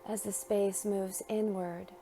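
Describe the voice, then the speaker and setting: This is a woman narrating a guided meditation at an unhurried pace, gentle and calming, with long silences between her phrases. She speaks at medium pitch in a level tone, and soft music plays in the background.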